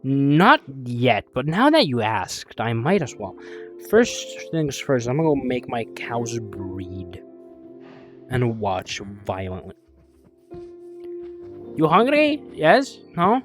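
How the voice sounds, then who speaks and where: A man's voice: medium pitch, animated, slow pace, faint music behind. A man streaming a game live, rambling casually, swearing a lot and making playfully dramatic, mock-whiny complaints.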